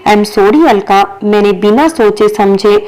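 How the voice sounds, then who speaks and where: A woman voicing an apologetic male office boss in a storybook reading, speaking in a gentle, pleading way. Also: mid-range voice, slow pace, close to an everyday voice.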